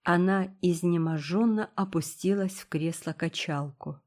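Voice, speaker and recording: A woman narrating an audiobook in a measured, storytelling way. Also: fairly low pitch, darkish tone. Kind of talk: scripted narration.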